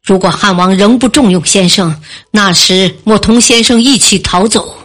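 A woman's voice: medium pitch, normal speed, lightly acted. A woman voicing an earnest ancient chancellor. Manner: earnest and insistent. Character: earnest, persuasive male chancellor of an ancient court.

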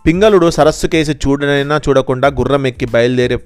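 A man narrating a children's story in a steady, measured way, in a smooth, clear voice. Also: medium pitch, no room sound, soft background music.

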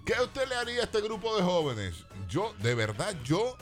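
A man's voice: high-pitched, huge pitch swings, moderate pace, faint music behind. A man hosting a casual talk show who jokes animatedly and mimics a preaching father. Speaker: radio show host.

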